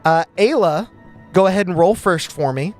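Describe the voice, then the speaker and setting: A man narrating a live-streamed tabletop game as game master, chatty and quick to laugh, with lots of fillers. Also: high-pitched, darkish tone, soft background music.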